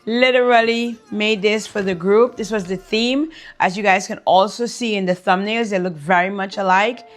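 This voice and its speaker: A woman in a relaxed manner, explaining something to her viewers in a vlog. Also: mid-range voice, normal speed. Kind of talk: vlog talk to camera.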